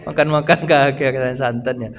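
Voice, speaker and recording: A man's voice: mid-range voice, steady tone, normal speed. A male Islamic preacher giving a casual morning study talk in a mosque, who keeps asking his congregation questions. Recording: echoey mosque hall with long reverb.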